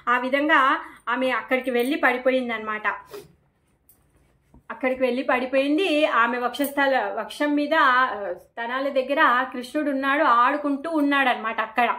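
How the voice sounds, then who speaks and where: A woman's voice: high voice, normal speed, pauses often, sharp tone. A woman retelling a devotional scripture story in a casual way, with frequent fillers and acted-out quotes.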